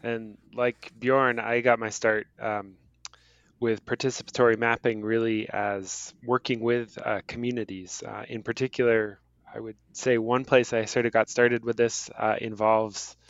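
A man speaking as a guest professor in an interview, measured and full of "uh" pauses. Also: on the low side, dry recording. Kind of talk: casual interview talk. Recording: dull lo-fi sound.

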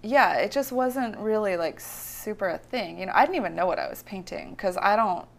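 In her home, the Californian visionary artist speaks at a moderate pace in a creaky, medium-pitched voice. The interview is casual as she discusses her life and art, rambling and using many fillers and restarts.

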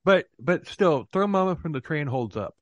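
A man's voice: fairly high pitch, animated, normal speed, dry recording, lo-fi sound. A man hosting a podcast in casual chat, laughing often as he talks. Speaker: podcast host.

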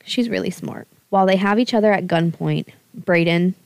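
A woman co-hosting a podcast, briskly summarizing a novel's plot in casual chat and laughing now and then. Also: mid-range voice, creaky, darkish tone, no echo. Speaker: podcast co-host. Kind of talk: book recap, casual chat.

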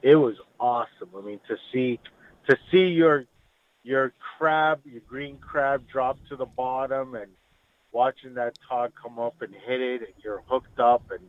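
A man gives a casual fishing report as a guest on a podcast. His audio is slightly dull and lo-fi, like a remote call. He talks in halting phrases with pauses mid-sentence. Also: medium pitch, no echo.

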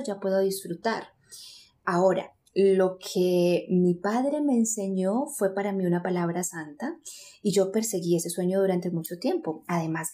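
A woman with a Colombian accent and a warm, medium-pitched voice appears as an interview guest. A spiritual coach, she explains things in an earnest, reflective and motivational way.

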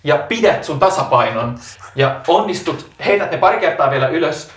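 A man's voice: a little high, animated. Man narrating as game master. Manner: dramatic storytelling with hesitant fillers. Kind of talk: narrating a tabletop role-playing game. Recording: roomy, distant mic, faint noise.

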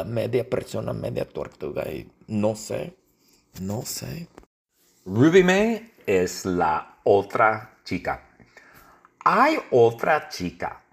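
Husky guy rambling thru a silly made-up story, slow and deadpan, lots of repeats. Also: on the low side. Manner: halting, repetitive, deadpan storytelling. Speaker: podcast host. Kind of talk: improvised absurd comedy story.

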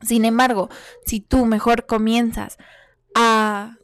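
A woman's voice: on the high side, little pitch movement, slow pace, no echo, clean studio sound. A woman telling a personal story in a casual, reflective way, laughing between phrases and acting out her own past thoughts. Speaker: vlogger.

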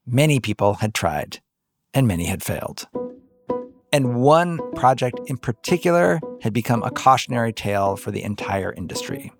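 A man co-hosting a podcast, telling the story in a relaxed conversational way with playful asides. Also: medium pitch, normal speed, music in the background. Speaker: podcast co-host.

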